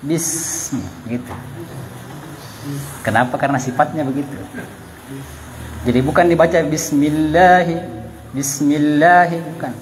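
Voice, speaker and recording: A man's voice: on the high side, normal speed, pauses often, slight background noise, low-quality recording. A man with an Indonesian accent teaching a Quran recitation class, explaining patiently and sounding out letters aloud as examples.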